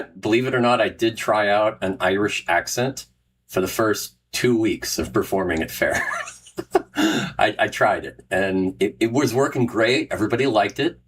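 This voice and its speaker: This podcast host, who also performs at Renaissance fairs, is a middle-aged man with a lowish voice chatting casually and alone to a live audience. Slight background noise sits under his talk, which rambles, restarts frequently, and includes laughs at his own expense.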